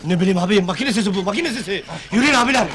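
A man's voice: high voice, expressive, very fast, very noisy. An actor playing an anxious young male sidekick who calls out urgent warnings, in a dubbed 1970s film. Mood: alarmed. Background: loud film score music.

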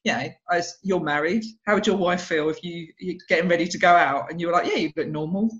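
An English woman in her thirties with an Essex accent and a fairly low voice talks quickly in a casual interview over a video call from a room at home. She's a stand-up comedian and an animated storyteller who acts out other people's lines. The video call audio is dull and lo-fi.

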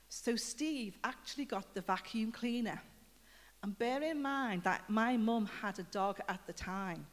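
A woman preaching a conversational sermon, telling stories and putting questions to the congregation. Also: medium pitch. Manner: chatty storytelling with questions to the congregation. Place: church building. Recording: reverberant church hall.

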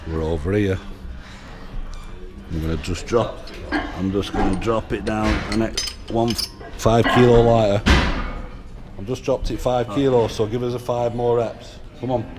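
Northern English gym coach, deep voice, unhurried, shouting reps over music. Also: male voice, fairly even intonation. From England. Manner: barking short commands and rep counts. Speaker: gym coach filming a workout. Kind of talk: coaching during a workout. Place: large indoor gym.

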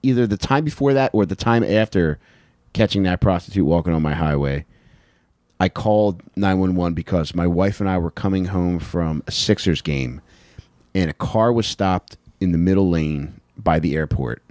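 A man in his thirties co-hosts a comedic true-crime podcast, chatting casually, bluntly and with plenty of swearing. His low voice is a little mellow at a normal speed, held close on a handheld mic in a small indoor podcast room with couches, and no room sound comes through.

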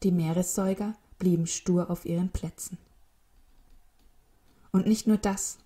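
A woman narrating a short children's story in a calm, even reading manner. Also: fairly low pitch, measured pace.

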